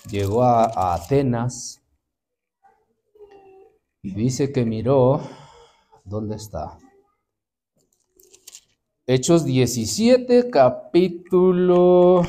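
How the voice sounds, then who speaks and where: Preacher, male, 50s; warm sermon storytelling, mid pitch. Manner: storytelling, acts out quoted voices, addresses the congregation.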